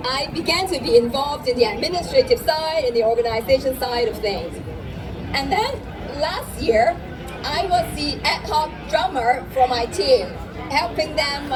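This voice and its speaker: A woman from Hong Kong giving a formal, upbeat welcome speech outdoors at a festival on a microphone. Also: sits high. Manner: formal, upbeat, addressing a crowd. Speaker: festival speaker and trade office director. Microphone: handheld microphone over a PA. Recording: outdoor crowd noise around speaker. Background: crowd noise.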